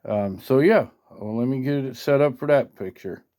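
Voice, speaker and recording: Mid-range and mellow, this man's voice moves at a moderate pace as he casually demonstrates gear with no script. A hobbyist at heart, he comes across as folksy and a little unsure, regularly checking that the listener is with him.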